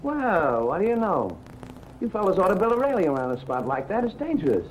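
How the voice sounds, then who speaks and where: An actor playing a sarcastic ex-cop private detective with a Brooklyn accent, in 1940s film acting with a breezy, wisecracking delivery. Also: male voice, high-pitched, sing-song, a little fast, dull audio. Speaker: private investigator. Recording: old film soundtrack with faint hiss.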